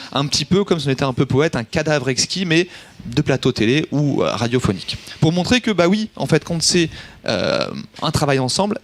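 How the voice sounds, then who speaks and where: Lively man hosting a talk show. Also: fairly high pitch. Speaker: host. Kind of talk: live studio talk show. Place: small studio set.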